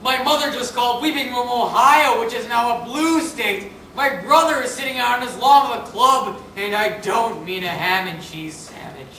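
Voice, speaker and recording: A smug partisan news anchor, played by a man sneers through a mock-solemn report. His voice is high and bright. It echoes from a distant mic on a noisy stage. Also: moderate pace, few pauses.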